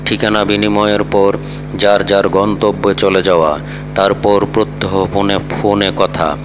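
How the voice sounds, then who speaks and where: A man narrating a first-person story in a measured, unhurried reading voice. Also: on the low side, music in the background. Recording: steady hum and vehicle noise behind.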